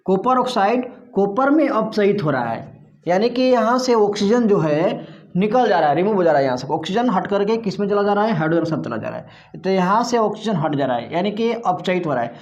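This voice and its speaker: A man's voice: high-pitched, big pitch swings, a little fast, muffled recording. A male teacher giving a classroom chemistry lesson, putting questions to the class and answering them himself, repeating the key terms.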